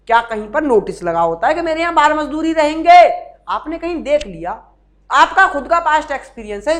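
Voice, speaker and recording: A man teaching an exam-prep class online, animated and firing rhetorical questions at his students while mixing in English words. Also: extremely high pitch. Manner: mixes English words into speech.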